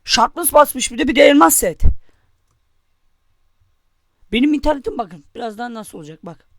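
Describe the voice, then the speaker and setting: A man's voice: very high-pitched, animated, normal speed, gravelly, fairly bright tone, no room sound. A young man from Turkey giving angry, cursing gameplay commentary, taunting his opponents as he plays. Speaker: gamer.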